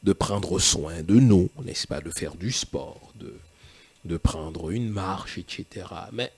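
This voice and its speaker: A man's voice: deep voice, slow, vocal fry, husky. A man, a pastor and host, giving an emphatic sermon-like talk with rhetorical questions and frequent chuckles. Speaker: pastor and theologian hosting a show.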